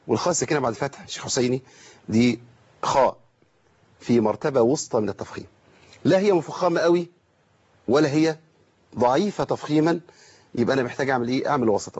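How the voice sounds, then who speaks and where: A man with an Egyptian accent teaching Quran recitation, patiently explaining and slowly drawing out sounds to demonstrate them. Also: mid-range voice, darkish tone, breathy edge. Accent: Egyptian Arabic. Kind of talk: correcting a student's recitation. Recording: dull lo-fi recording.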